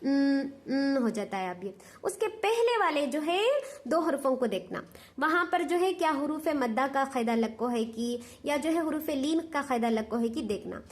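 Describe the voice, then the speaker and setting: A woman with a high voice and a Hyderabadi Urdu accent teaches Quran recitation. She explains step by step, patient and repetitive, and keeps checking that her students follow. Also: animated, normal speed. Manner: patient, repetitive, asks "understood?".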